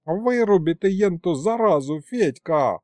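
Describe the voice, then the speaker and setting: A man's voice: fairly high pitch, sing-song, a little slow, a little mellow, dry recording, studio quality, voice pushed up. A man voicing a cranky, folksy old grandfather who grumbles in rustic speech. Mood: grumbling.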